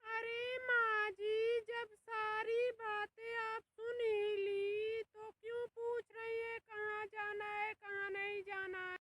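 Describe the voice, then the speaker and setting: An exasperated young daughter-in-law in a comedy skit, voiced by a woman. She pleads in a whiny, very high voice, and loud noise fills the background of the recording. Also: level tone, slow, few pauses.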